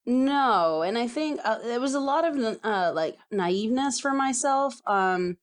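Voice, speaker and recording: A woman in her thirties from California, a soccer referee telling her story in a relaxed podcast interview, chatty with many fillers and laughs. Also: fairly high pitch, a little slow. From San Diego, California.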